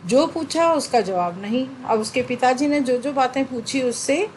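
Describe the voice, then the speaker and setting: A woman's voice: sits high, a little mellow, slight background noise, low-quality recording. A woman teacher reading a textbook play aloud to children, stopping to explain the scenes and give them tasks. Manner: slow, explanatory, addresses the children directly.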